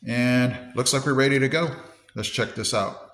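A man in his fifties, an elementary teacher, hosts an upbeat classroom robot demo and counts steps aloud in a medium-pitched, fairly bright voice at normal speed. He's recorded indoors on a phone held at arm's length, so the classroom sounds echoey, with slight background noise.

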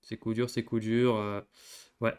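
A young man giving casual gameplay commentary as a YouTuber, swinging from excited yelling to low, cursing mutters. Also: unhurried, clean tone. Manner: swings between excited yelling and muttered grumbling, swears often. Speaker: gaming YouTuber.

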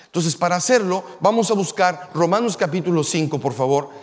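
A man's voice: high-pitched, animated, brisk. A man preaching a sermon, moving from telling a story to emphatic preaching. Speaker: pastor. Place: church sanctuary. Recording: long hall reverb.

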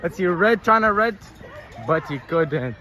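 A man's voice: high voice, unhurried, some chatter behind, slight background noise. A young man filming a casual backyard football game on his phone and calling the play with playful jokes. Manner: playful, joking, excitable calls. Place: outdoors on a small pitch. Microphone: phone camera. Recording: phone video with shouting players around.

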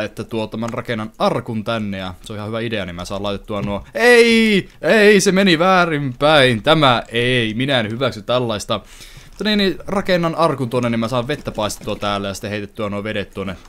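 Lively young man narrating his gameplay. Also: mid-range voice. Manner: chatty, excitable outbursts, talks to viewers. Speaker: gaming channel host. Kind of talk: casual let's-play commentary.

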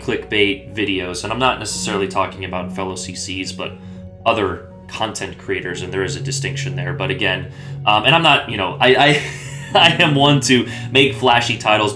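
A man's voice: fairly low pitch, sharp tone. A man talking casually as a gaming YouTuber, rambling and often restarting or correcting himself mid-sentence. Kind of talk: casual commentary.

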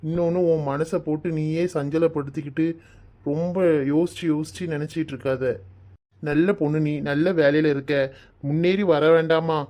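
A woman voicing a caring village father in an animated cartoon, soothing and fatherly. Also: sits low, moderate pace, lightly acted. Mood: consoling. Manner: soothing, fatherly advice and comic storytelling. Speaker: father figure. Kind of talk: Tamil cartoon voice acting.

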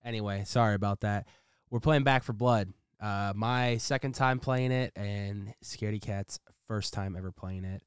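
A man's voice: on the low side, fairly even intonation, moderate pace, few pauses, clean tone, no echo, studio quality. A man hosting a gaming livestream in casual, upbeat chat, heard through a headset microphone. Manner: upbeat, laid-back, tags phrases with "man".

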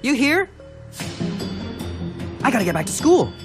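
A woman's voice: high voice, very animated, music in the background, full character voice. A woman voicing an anxious, sarcastic teenage boy in a cartoon. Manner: quick, nervous and sarcastic.

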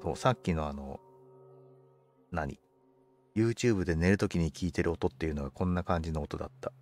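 A man's voice: sits low, fairly quick, a little mellow, soft background music. A man commentating on a game for a livestream, politely musing aloud to himself in casual chat. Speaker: game streamer.

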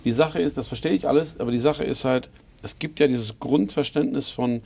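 Male host from Iran, gravelly voice, relaxed conversational interviewer. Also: medium pitch, brisk. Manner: casual, searching for words with many fillers. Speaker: podcast host. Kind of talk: casual interview chat.

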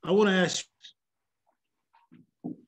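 A man reporter asking a rambling, stacked question over remote video call audio. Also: slow pace. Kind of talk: press conference question.

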